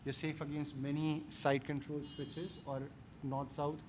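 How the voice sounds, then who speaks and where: Indian-accented man coaching grappling, higher-pitched voice. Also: little pitch movement, measured pace, darkish tone, slight background noise. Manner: emphatic, short repeated phrases. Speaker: jiu-jitsu instructor. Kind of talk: hands-on martial arts class instruction. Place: indoor martial arts class.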